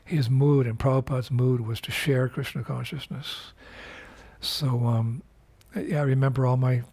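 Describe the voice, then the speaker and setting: Slow and reflective, an older spiritual teacher records a video message in a husky, slightly breathy voice of ordinary middle pitch and darkish tone. His intonation is fairly even, and he frequently pauses, uses fillers, and begins sentences again.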